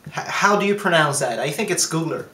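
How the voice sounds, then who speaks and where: A man giving a casual, thoughtful taste review of his own beer, pausing often with fillers and restarts. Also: fairly high pitch, lively intonation, sharp tone, echoey room. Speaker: home brewer.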